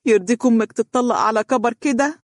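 A storyteller voicing a fussy, pleading middle-aged mother who speaks fast with an Egyptian accent. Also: mid-range voice, animated, darkish tone, dry recording, clean studio sound, voice pushed up, close to an everyday voice. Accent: Egyptian Arabic. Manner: urgent, nagging, rapid.

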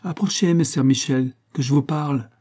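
A man's voice: mid-range voice, lively intonation, moderate pace, dark tone, natural voice. A man reading aloud voices a flirtatious, laughing courtesan woman, with a teasing, dramatic delivery. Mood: playful.

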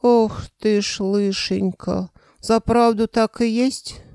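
A man's voice: sits high, steady tone, vocal fry, darkish tone, clean tone, no echo, clean studio sound, pitched above the performer's own voice, full character voice. A man voicing a grumpy old male forest spirit who grumbles and bristles. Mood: grumbling. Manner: cranky, grumbling, quick to bristle.

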